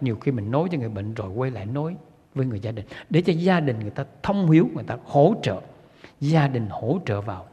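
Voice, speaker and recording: A man's voice: mid-range voice, darkish tone, husky. A man giving an earnest Buddhist sermon, repeating himself and putting questions to his listeners. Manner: earnest, repetitive, rhetorical questions to audience. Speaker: Buddhist lay teacher. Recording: dull lo-fi recording with long hall reverb.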